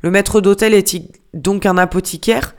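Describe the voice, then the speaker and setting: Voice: mid-range voice, fairly even intonation, moderate pace, clear, resonant tone, close to an everyday voice. An audiobook reader voicing a sarcastic, hot-tempered male ship's mate who scolds a steward with mocking questions. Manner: mocking, hammering rhetorical questions. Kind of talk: audiobook character reading.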